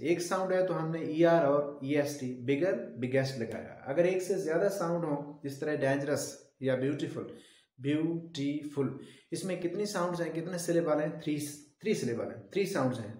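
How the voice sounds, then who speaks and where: A man's voice: a little high, mellow. Echoey man teaching grammar step by step. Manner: explains step by step, asks questions and answers them himself. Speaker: English teacher. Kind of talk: classroom grammar lecture. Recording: very echoey room.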